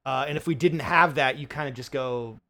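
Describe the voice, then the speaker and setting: A man's voice: medium pitch, brisk, bright, forceful tone. A man co-hosting a film review podcast, chatting casually with many fillers and restarts, swearing now and then.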